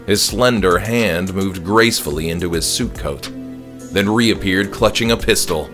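The author of a horror story narrates it himself, his voice sitting low and moving at a normal speed. The delivery is dramatic and scripted, set against music.

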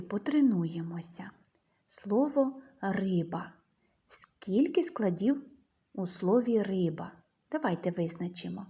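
A woman teacher giving a lesson to young children, talking in a slow sing-song way and drawing out her words. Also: medium pitch, dark tone, slightly rough.

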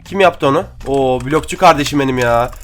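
A young man giving excitable, slangy gameplay commentary and chatting to his viewers as he plays. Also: medium pitch, a little fast, soft background music. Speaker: gaming YouTuber.

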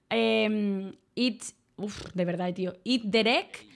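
A woman's voice: medium pitch, animated, extremely slow, creaky. Chatty woman rambling on a livestream. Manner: chatty, rambling, laughs often; reads out viewer names and thanks them. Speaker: livestream guest. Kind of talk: casual livestream chat.

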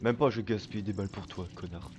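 A man giving casual gameplay commentary while he plays, swearing constantly and breaking into excited outbursts. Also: fairly low pitch, quick pace, music in the background. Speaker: let's play gamer.

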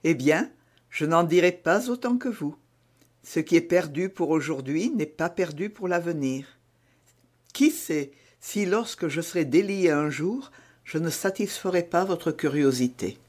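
A man's voice: on the high side, lively intonation, unhurried. A man with a French accent voicing an anxious, secretive young woman in an audiobook, pleading and urgent. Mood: teasing. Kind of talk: audiobook reading.

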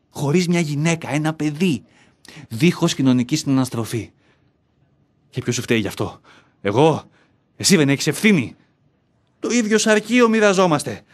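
A man playing a lonely, self-hating bank clerk. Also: fairly high pitch. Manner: talks aloud to himself, argues with his own self. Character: lonely, self-loathing male bank clerk shut in a basement vault. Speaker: actor in a one-man stage monologue. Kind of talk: theatrical monologue.

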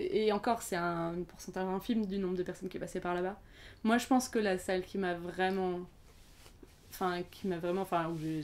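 A woman's voice: mid-range voice, darkish tone. Chatty young woman, casual talk. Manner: chatty, many fillers and restarts. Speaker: podcast guest. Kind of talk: casual conversation.

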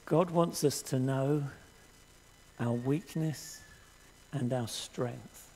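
Gravelly older man preaching a sermon. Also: medium pitch, a little mellow, low-quality recording. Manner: earnest, measured, reads scripture aloud. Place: church hall stage with audience.

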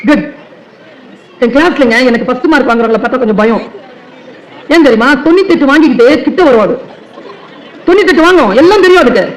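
A woman teacher giving a public speech at a book fair, telling stories lively and speaking straight to the crowd. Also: high voice, fast, pauses often, echoey room, a little hiss or hum, poor audio. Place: large hall at a book fair.

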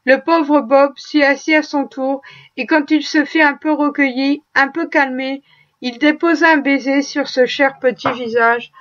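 A woman narrating a classic tale as an audiobook, with measured, expressive storytelling. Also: high voice, lo-fi sound.

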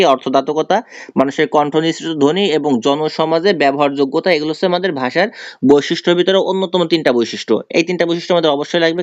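A man's voice: a little high, clear, resonant tone, no echo. A young man teaching an exam-prep lesson, explaining step by step and repeating the key answers. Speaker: tutor. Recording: dry, slightly dull sound.

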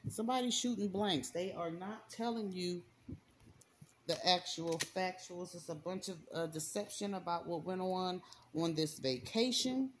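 This spiritual reader has a lowish, unhurried voice, accompanied by a faint hiss or hum. She does a casual card reading at an indoor table, hands and cards on camera, addressing the viewer directly with slang and lots of emphatic repetition.

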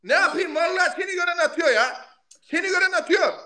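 A man hosting a casual live stream, loud and excitable, shouting thanks for gifts and swearing casually. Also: extremely high pitch, quick pace. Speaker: livestream host.

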